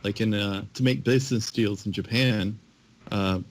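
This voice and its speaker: A man chatting casually as a podcast co-host, with hesitant, pausing phrasing. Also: on the low side. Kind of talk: casual chat.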